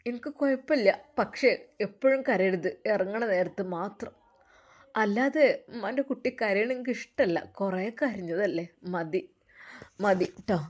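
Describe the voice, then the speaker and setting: A woman voicing a loving elderly mother who speaks in a soft, low, gentle way. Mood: soothing. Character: loving elderly village mother, tender and doting.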